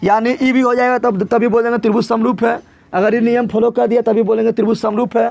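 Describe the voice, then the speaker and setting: High-voiced male math tutor quizzing a class. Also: little pitch movement, quick pace, creaky, a little mellow. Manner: repetitive call-and-response questioning; drills terms by repeating words three times. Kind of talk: live classroom teaching.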